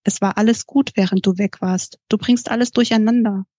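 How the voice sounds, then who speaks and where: A woman's voice: mid-range voice, steady tone, fairly quick, warm tone, breathy edge, no echo, muffled recording, natural voice. A woman voicing an embittered younger brother, a man who speaks in curt, hostile snaps.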